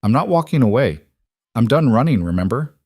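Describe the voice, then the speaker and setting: A man's voice: mid-range voice, sing-song, a little fast, darkish tone, no echo, clean studio sound. A man voicing a young woman bodyguard who speaks tersely and directly. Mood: firm.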